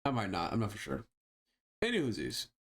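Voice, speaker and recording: This man's voice is fairly low and fairly bright, swooping wildly in pitch as he talks briskly. During casual live gameplay commentary, he mutters to himself and chats with viewers while browsing and fiddling, sarcastic and swearing often.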